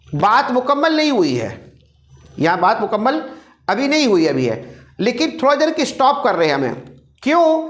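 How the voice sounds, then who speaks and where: A man's voice: extremely high pitch, a bit bright. A male recitation teacher giving a classroom lecture, repeating each rule and quizzing his students. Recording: roomy echo.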